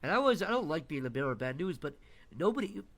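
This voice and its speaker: Crude, deadpan podcast co-host man. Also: fairly high pitch, quick pace. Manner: crude, dark deadpan jokes. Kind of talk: casual podcast chat.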